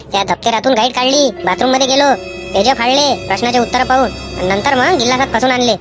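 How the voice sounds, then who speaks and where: A woman's voice: fairly high pitch, fast, over music, pitched below the performer's own voice, close to an everyday voice. A woman voicing a sneaky schoolboy who smuggles cheat notes, talking in a scheming, boastful way in a Vidarbha Marathi accent. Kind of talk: animated cartoon voice acting.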